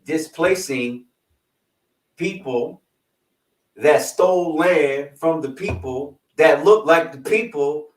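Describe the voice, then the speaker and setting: Animated male podcast co-host, casual and playful, on a distant echoey call mic. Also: fairly high pitch, slow pace. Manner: animated, playful, lots of slang and fillers. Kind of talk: casual podcast chat and guest introduction. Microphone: video call.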